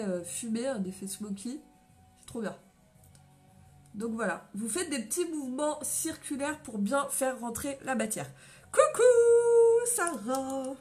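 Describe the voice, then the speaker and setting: A woman from France doing a casual live makeup tutorial, chatty and friendly, greeting viewers by name and laughing often, a little winded and coughing after a run. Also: a little high.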